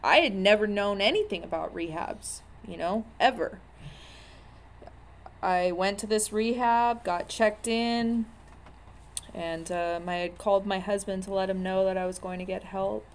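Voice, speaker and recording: A woman's voice: mid-range voice, measured pace. A woman in her thirties telling her own story candidly, in a blunt, profane way with many fillers.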